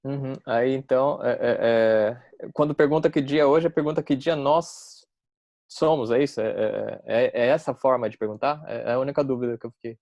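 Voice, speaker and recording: A male student stumbles through a question, hesitant and full of restarts. His voice is gravelly with fry, recorded close and dry. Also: medium pitch, moderate pace, a little mellow, no echo, dull audio.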